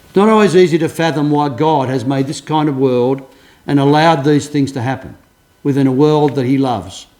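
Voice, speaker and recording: Telling stories with earnest conviction, an older pastor from Australia delivers a sermon marked by frequent restarts. He speaks at a moderate pace in a mid-range, slightly mellow voice.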